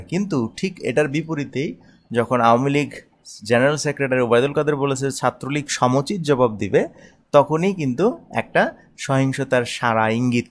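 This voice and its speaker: Bangladeshi man teaching an English editorial. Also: mid-range voice. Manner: reads English phrases slowly, then translates and explains; often asks himself questions and answers them. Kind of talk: explaining an editorial line by line.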